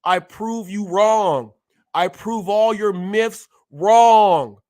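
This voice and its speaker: A man in his forties hosts his own live show, boasting and calling out his critics head-on. He stutters now and then, and his voice sits high while he takes his time with the words. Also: very slow, a little mellow. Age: 40s. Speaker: host. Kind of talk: ranting live-stream commentary.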